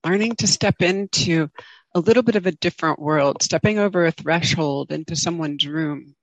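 A woman giving an informal dharma talk as a meditation teacher, speaking in a gentle, reflective and halting way. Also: on the low side, dry recording, poor audio. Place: online group video call.

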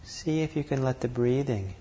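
A man leading a guided meditation, calm and unhurried, speaking in short phrases with long pauses between them. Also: mid-range voice, low-quality recording. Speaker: meditation teacher.

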